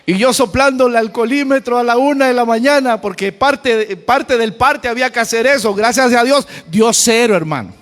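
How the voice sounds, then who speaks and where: Costa rican pastor guy, really high voice, jokey and punchy, echoing church hall. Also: moderate pace, few pauses, fairly bright tone. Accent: Costa Rican Spanish. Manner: colloquial, humorous, emphatic preaching. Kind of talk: sermon with storytelling. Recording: church hall with long reverb.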